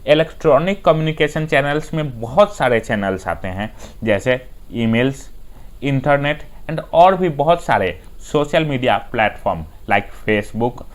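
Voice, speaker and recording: A man with an Indian English accent gives an exam-prep lesson as a tutor. He speaks very slowly and deliberately, often starting a point with "dekhiye". His voice sits in an ordinary middle pitch. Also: lively intonation. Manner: unhurried explainer who often starts with "dekhiye". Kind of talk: exam-prep lecture, reading English points slowly then explaining in Hindi.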